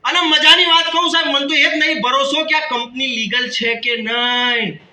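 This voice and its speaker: A man's voice: extremely high pitch, steady tone, normal speed, sharp tone, roomy sound, far from the mic, poor audio. A man of around 30 with a Kathiawadi Gujarati accent gives a motivational business seminar talk, joking and calling out to the audience. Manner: jokey, calls out to the audience. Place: hall with an audience.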